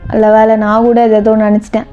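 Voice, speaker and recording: A woman's voice: a little high, completely flat delivery, fast, warm tone, highs cut off, soft background music, voice pushed down, close to an everyday voice. A woman voicing a brusque, teasing young man in a storybook role-play, talking bossily and curtly. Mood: gruff. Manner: gruff, bossy, teasing.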